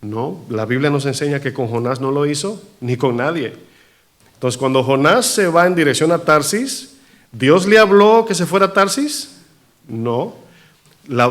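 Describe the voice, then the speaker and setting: A man preaching a sermon in a church, animated, asking the congregation rhetorical questions. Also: fairly high pitch. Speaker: pastor.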